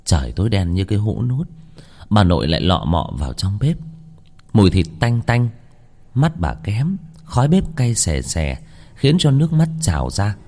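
Deep-voiced guy telling a spooky story, lots of swing in his pitch. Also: sing-song, normal speed, mellow. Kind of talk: scripted ghost-story narration.

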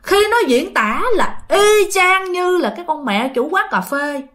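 A woman with a Southern Vietnamese accent tells a ghost story as if chatting with friends. Her voice sits a little high, and she keeps turning to address her listeners. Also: animated, measured pace, fairly bright tone. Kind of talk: casual ghost story telling.

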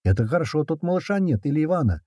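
A man reading an action story aloud in the first person, with brisk, slangy narration and shouted lines for the characters. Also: a little high, very animated, slightly rough, dry recording, clean studio sound. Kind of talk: audiobook narration with character voices.

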